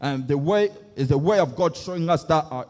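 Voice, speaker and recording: A man's voice: on the high side, lively intonation, normal speed, a little mellow. Man interpreting a sermon in a reverberant hall. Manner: follows the preacher closely, with hesitations and restarts.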